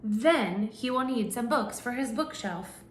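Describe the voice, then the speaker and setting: In an echoey room with a faint hum, a woman teacher with a higher-pitched, unhurried voice reads a picture book aloud to young kids. Her storytelling is animated, and she stops along the way to ask them questions.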